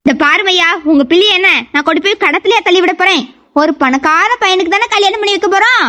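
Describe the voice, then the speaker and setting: A woman's voice: very high voice, fast talker, sharp tone. A woman voicing a cruel, scheming stepmother in a cartoon drama, bossy and threatening. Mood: scornful.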